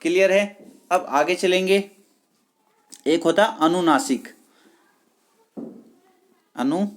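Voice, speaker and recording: A teacher giving an online exam-prep lesson, repeating key words slowly and checking with the class whether it is clear. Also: mid-range voice. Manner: addresses viewers as friends, patient and repetitive.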